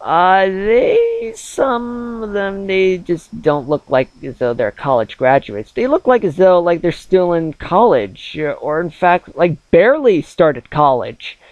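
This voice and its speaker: A man's voice: sits high, sing-song, a little slow, hardly any pauses, dry recording, lo-fi sound. A man of twenty-one chatting casually over gameplay as a gaming channel host, rambling with many fillers.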